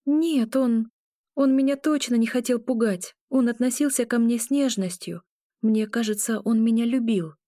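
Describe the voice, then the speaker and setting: A woman's voice: high-pitched, normal speed, darkish tone, dry recording, clean studio sound, voice pushed up, close to an everyday voice. A woman voicing a frightened young woman waking from a nightmare, talking breathlessly and pleadingly. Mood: trembling. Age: young adult.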